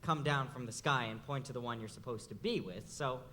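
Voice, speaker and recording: A man's voice: mid-range voice, fairly quick, sharp tone, a little hiss or hum, lightly acted. A young man playing a nostalgic, rambling theatre fan who confides in the audience during a stage musical. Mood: wistful. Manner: confiding, chatty asides to the audience.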